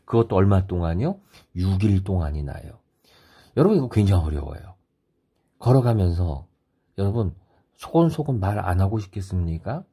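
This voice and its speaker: A man's voice: sits low, big pitch swings, moderate pace, warm tone, slightly rough. A man pastor preaching a sermon on a Bible passage, asking the listeners rhetorical questions throughout.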